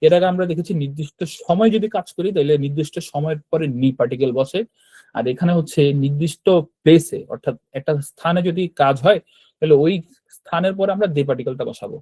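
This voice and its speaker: A man's voice: fairly high pitch, fast talker, mellow, no room sound. A man teaching a Japanese grammar lesson, explaining step by step and often checking in with short tag questions. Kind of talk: classroom-style grammar lesson.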